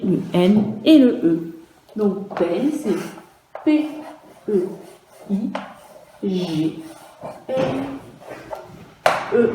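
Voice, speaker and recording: A woman teacher leads a dictation lesson for small children at a slow, patient pace. She spells words letter by letter and repeats each word. Her voice is very dark and mellow, and it sounds roomy and echoey. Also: medium pitch, slight background noise. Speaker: primary school teacher.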